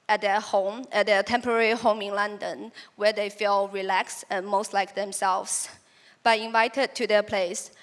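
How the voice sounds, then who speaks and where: A young Chinese woman, a native speaker of Chinese, gives a prepared talk about her photography. Her mid-range voice sounds earnest and reflective, and she occasionally restarts her sentences.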